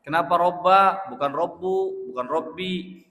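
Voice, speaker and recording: Slow bright-voiced preacher in a hall. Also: male voice, a little high. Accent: Indonesian. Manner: slow, drawn-out explaining with repeated "ya" and "Pak" to the congregation; chants Arabic phrases slowly and rises in force on invocations. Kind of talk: mosque study-circle sermon. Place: mosque hall. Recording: roomy hall reverb.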